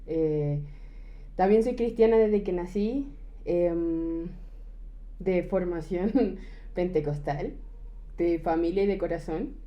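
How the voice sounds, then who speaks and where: A woman's voice: on the low side, slow pace, pauses often. A woman from Chile speaking as a podcast guest in a friendly, easygoing way. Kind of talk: podcast conversation. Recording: dull lo-fi sound.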